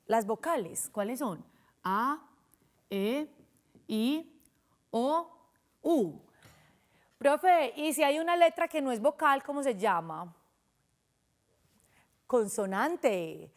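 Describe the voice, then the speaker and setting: Animated Colombian woman teaching children. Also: on the high side. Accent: Colombian Spanish. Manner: animated, counts slowly and sounds out syllables. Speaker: primary school teacher. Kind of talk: teaching a recorded lesson to children.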